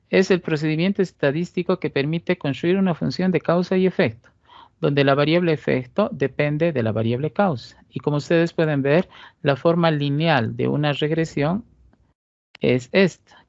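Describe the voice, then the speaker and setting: A teacher with a Cochabamba Bolivian Spanish accent delivers a recorded statistics lecture, walking through each step, posing rhetorical questions and often checking in with "¿listo?". His voice sits on the high side with vocal fry. The recording is dry with no echo and sounds lo-fi.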